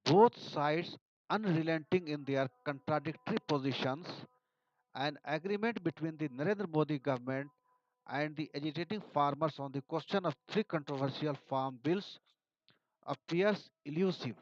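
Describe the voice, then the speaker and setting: Teacher, male, Indian English accent, slightly high voice, walks through editorials line by line, dull dry recording. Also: normal speed, no room sound. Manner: reads passages aloud then explains word meanings. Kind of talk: editorial analysis lesson.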